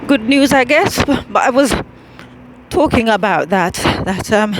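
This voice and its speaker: Slow-talking woman vlogging outdoors. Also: fairly high pitch, expressive, a little hiss or hum, poor audio. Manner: rambling, with many fillers and restarts. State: slightly out of breath from walking. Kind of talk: casual chat while walking.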